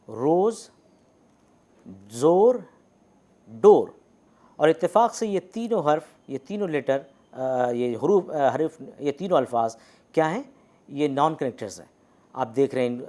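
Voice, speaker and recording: A man teaching letters and vowels in a recorded lecture. He explains patiently, says the example words slowly and repeats them, and often checks in with the class. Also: medium pitch, a little mellow. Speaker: Urdu language teacher.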